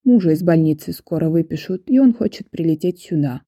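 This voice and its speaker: A woman's voice: fairly low pitch, lively intonation, brisk, dark tone, no echo. A woman reading the part of a stern, weary middle-aged jury chair in an audiobook, in a dry, tired, clipped manner. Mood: calm.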